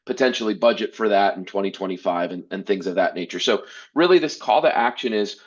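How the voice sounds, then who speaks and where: A man presenting a church-software webinar, talking earnestly with many restarts and repeated words. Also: on the low side, expressive, a little fast, dull audio. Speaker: workshop presenter.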